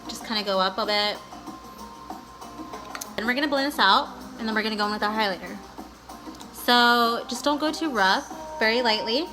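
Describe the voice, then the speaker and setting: Over clearly audible background music, a woman with a fairly high voice walks viewers through a beauty tutorial at normal speed, with long pauses. She's bubbly and gushing, casual and chatty, using valley-girl "like" and "guys" and breaking into playful sing-song exclamations. The audio is poor.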